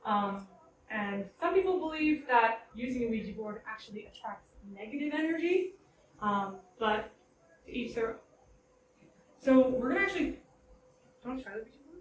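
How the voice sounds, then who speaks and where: Female tour guide, slightly high voice, loose conversational delivery with halting phrasing; roomy echo, off-mic. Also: lively intonation. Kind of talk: informal guided tour narration to a small group. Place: indoors in a house parlor. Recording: roomy echo, distant mic, background noise.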